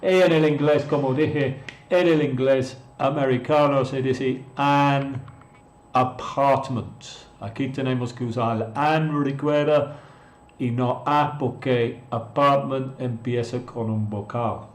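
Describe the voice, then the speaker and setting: A man's voice: medium pitch, steady tone, slow pace. A man teaching an English lesson in a live stream, patiently repeating words and answering viewers in a chat. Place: room in Mexico. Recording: echoey room.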